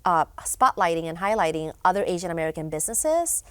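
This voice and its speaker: Young woman from honduras on a studio interview, lowish voice, dry sound, lots of uh and like. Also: big pitch swings, quick pace, a bit bright, clear, resonant tone, dry recording. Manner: casual, many fillers and restarts. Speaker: guest, event founder.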